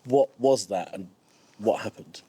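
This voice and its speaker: A man from England speaks quietly and asks questions as a guest on an outdoor tour. He stands a little way off the mic, so his voice sounds somewhat distant. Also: on the low side, measured pace, slightly rough, no room sound. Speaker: guest comedian. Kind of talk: casual chat. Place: outdoors at a memorial garden.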